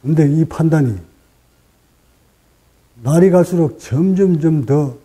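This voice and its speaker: A man teaching as a Buddhist meditation master, speaking in short, deliberate phrases with pauses and rising for emphasis. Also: fairly high pitch, dark tone, poor audio. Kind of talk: dharma talk.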